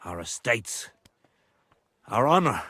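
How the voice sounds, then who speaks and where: A man's voice: medium pitch, very animated, slow, sharp tone, dry recording, exaggerated voice. Grave, proud older nobleman. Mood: resolute. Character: proud, grieving older nobleman and father in medieval drama. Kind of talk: video game dialogue acting.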